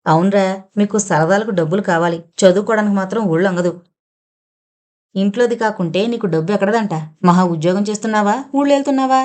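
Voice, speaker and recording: A woman's voice: mid-range voice, fairly even intonation, fast, a little mellow, lightly acted. A woman voicing a harsh, scolding older mother-in-law who drags out her taunting words. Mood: shrill berating.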